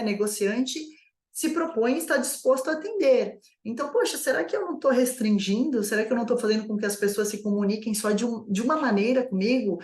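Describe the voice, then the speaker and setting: A woman with a slightly high voice teaches new business owners in a conversational online course lesson, often asking herself rhetorical questions along the way. The recording has a roomy sound.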